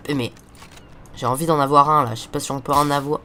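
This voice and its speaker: Talking quickly in a high-ish, pushed, bright voice with a steady tone, a teenage boy with a cold hosts a casual gaming video. He rambles and swears at the game, and the audio carries a slight hiss or hum.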